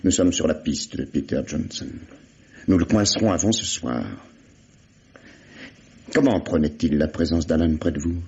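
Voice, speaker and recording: In a dull, lo-fi old radio recording of a 1950s French mystery, a male actor plays a wry, insistent investigator questioning a suspect. His rumbling low, darkish voice moves at normal speed with frequent pauses, sardonic and falsely fatherly, insistent and coaxing.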